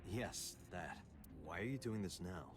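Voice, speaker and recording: An actor playing a dry, skeptical, easily flustered detective in a video game, with a gruff, exasperated manner. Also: male voice, low voice, animated, unhurried. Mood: baffled, exasperated. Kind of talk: English video game voice acting. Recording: music behind the voice.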